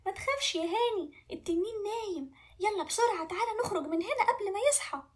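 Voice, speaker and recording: A woman's voice: very high-pitched, expressive, quick pace, pitched above the performer's own voice. A woman with an Egyptian Arabic accent voicing a clever, brave young princess in a children's story. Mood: coaxing. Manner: sweet and coaxing, then firm.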